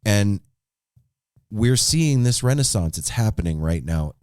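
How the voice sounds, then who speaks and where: A man's voice: fairly low pitch, expressive, a little slow, a little mellow, smooth, no room sound, clean studio sound. A man hosting a podcast, talking earnestly and emphatically, repeating words as he builds toward his point. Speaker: podcast host. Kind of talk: casual podcast conversation.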